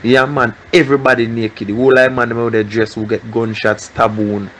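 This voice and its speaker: A man's voice: level tone, normal speed, a little hiss or hum. A man with a Jamaican accent, heard as a recorded voice message being played back, giving an informal witness account and often calling the listener brother. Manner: low-key, repetitive, keeps addressing the listener as brother.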